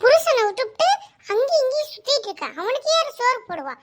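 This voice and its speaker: Woman voicing a shrill taunting old mother-in-law. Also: big pitch swings, quick pace, a bit bright, full character voice. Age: older. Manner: taunting, bickering. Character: scolding older mother-in-law, sharp-tongued.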